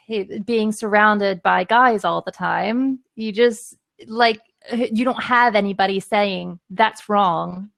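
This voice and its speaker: A woman's voice: mid-range voice, takes it slowly, creaky, fairly bright tone. A woman podcast host speaking in a thoughtful, agreeing way, with sighs between points. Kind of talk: conversational interview.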